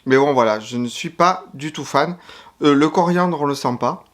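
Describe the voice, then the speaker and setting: Tasting foreign food on camera, a man gives casual, frank commentary at a moderate pace, sometimes with his mouth full. His voice is a little high and a bit bright.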